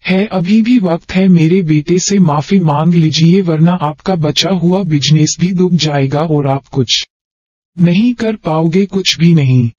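A man reading the part of an angry, proud mother who runs a wealthy household, scolding in a sharp tone. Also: a little high, unhurried, no room sound. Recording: dry, dull lo-fi.

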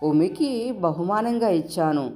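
A woman voicing a gentle, earnest young woman in a storybook reading, her pitch raised above her narrating voice. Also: animated, a little slow, soft background music, close to an everyday voice.

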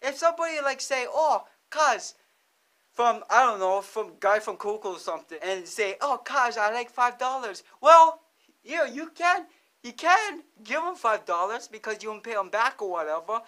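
High-pitched, bright young man speaking Hawaiian Pidgin. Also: normal speed. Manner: exaggerated, animated local slang delivery. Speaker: comic instructor. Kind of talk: mock lesson in Hawaiian Pidgin, comedy sketch.

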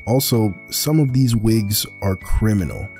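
A man's voice: lowish voice, measured pace, a little mellow, faint music behind. A young man narrating a scripted video essay in a dry, sarcastic way.

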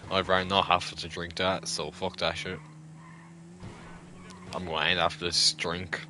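A drunk man chatting casually as he streams a video game, rambling in a crude, sweary way. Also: low-pitched. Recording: background noise with game ambience.

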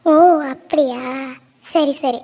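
This is cartoon voice acting: a woman plays the heroine's best friend, a cheerful young woman who talks in a playful, teasing, nosy way. Her voice sits high and warm, and she speaks slowly.

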